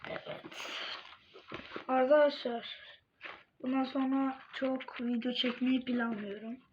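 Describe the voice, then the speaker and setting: A woman with a fairly high voice talks casually to her viewers in a relaxed ASMR-like way. She murmurs softly, often sinking toward a whisper. The recording is dull and lo-fi, with faint noise behind her. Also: a little slow. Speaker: video creator talking to viewers. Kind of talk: casual vlog chat while playing with slime, ASMR-like.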